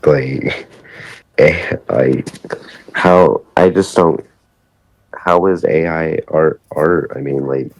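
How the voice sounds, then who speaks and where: A man talking as a podcast guest, hesitant and halting, laughing often. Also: very deep voice, steady tone, dry recording, highs cut off. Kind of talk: casual podcast chat.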